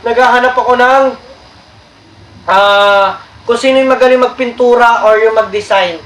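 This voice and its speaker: Man, vlog host, very high voice, chatty, echoey sound, faint background noise. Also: fairly even intonation, moderate pace, a bit bright. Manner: chatty, thanks viewers often. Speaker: vlogger host. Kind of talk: casual vlog talk to viewers. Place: outdoors by the sea.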